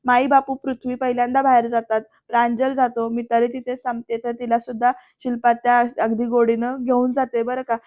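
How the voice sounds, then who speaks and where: A woman's voice: a little high, flat delivery, fairly quick, hardly any pauses, darkish tone, no room sound. A woman recapping a TV serial in a chatty storytelling way, speaking directly to viewers. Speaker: serial episode reviewer. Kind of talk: voice-over episode recap. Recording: dry, dull lo-fi voice-over.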